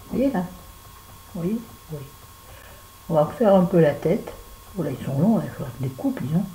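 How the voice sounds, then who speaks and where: French lady vlogging her makeup, dark mellow voice, bit of hiss behind. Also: lowish voice, lively intonation, brisk, rough recording. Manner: chatty, talks to herself while working. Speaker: beauty vlogger. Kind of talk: casual make-up tutorial chat.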